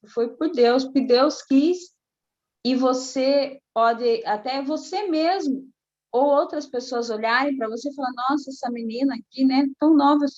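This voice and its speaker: A middle-aged woman, telling a personal faith testimony in a casual, animated way. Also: a little high, lo-fi sound. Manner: animated storytelling, acting out quoted voices. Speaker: guest giving a testimony.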